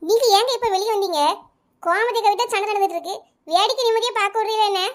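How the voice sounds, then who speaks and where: Woman playing a shrill, indignant housewife. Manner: shrill, quick, arguing back. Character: indignant village housewife defending her cooking. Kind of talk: comic village skit acting.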